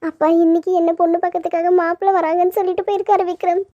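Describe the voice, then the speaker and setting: A woman's voice: extremely high pitch, little pitch movement, racing, dark tone. A woman voicing anxious young Preethi. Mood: worried pleading. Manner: pleading, upset. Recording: dull lo-fi sound.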